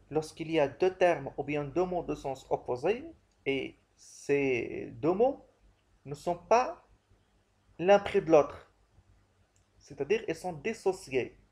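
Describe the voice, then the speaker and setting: A man's voice: fairly high pitch, darkish tone. A man teaching a literature lesson, working through questions and answers in a didactic way and repeating key phrases.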